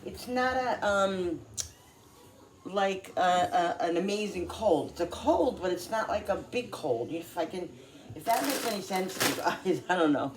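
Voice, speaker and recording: A middle-aged woman, a cooking vlogger congested with a cold, chats casually in her home kitchen while she cooks, rambling with plenty of fillers. Her voice sits on the low side with lively intonation and a slightly slow pace, and there's background noise.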